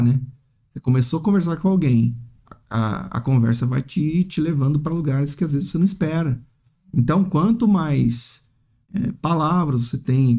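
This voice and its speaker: A young male English teacher talking straight to his viewers in a relaxed, conversational way, with a fairly high but mellow voice. He chats along, tags his sentences with little questions, and now and then mimics a stumbling student. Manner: chatty, frequent "né?" tags, acts out hesitant students. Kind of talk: casual teaching monologue.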